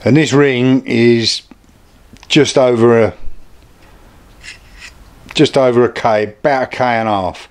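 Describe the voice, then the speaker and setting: A British man hosting an informal hands-on craft demonstration, talking in a low-key, plain-spoken and unpolished way. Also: steady tone, takes it slowly, long pauses. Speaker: hobby craft video host.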